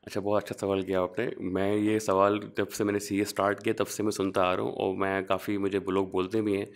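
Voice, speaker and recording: A young man from Pakistan, a chartered accountant, talking in a relaxed interview and explaining things, often rephrasing as he goes. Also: on the low side, a little fast. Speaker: guest, qualified chartered accountant. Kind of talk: casual interview, mixing English phrases.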